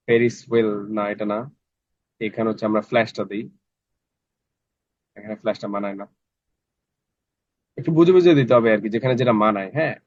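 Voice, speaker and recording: A man's voice: fairly low pitch, dry recording. A man teaching a live online class in a chatty way, often checking in with his students. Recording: dry, slightly dull online class audio.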